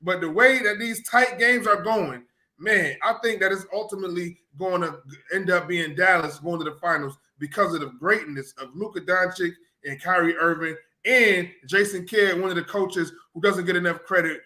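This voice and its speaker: A man co-hosting a sports talk show, emphatic and excited, often repeating himself. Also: high-pitched, moderate pace.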